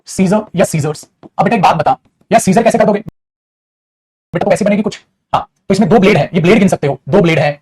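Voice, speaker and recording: A man with a raised, husky voice teaches English grammar at a fast clip from a studio. He lectures in a lively, teasing way and keeps calling out to his students. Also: sits high. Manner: animated, teasing, calls students beta and pagle.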